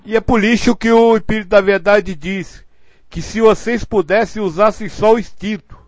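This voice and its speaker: A man's voice: high-pitched, fairly even intonation, moderate pace, highs cut off. A man giving earnest spiritual guidance, explaining points patiently and acting out example phrasings. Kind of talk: spiritual teaching talk.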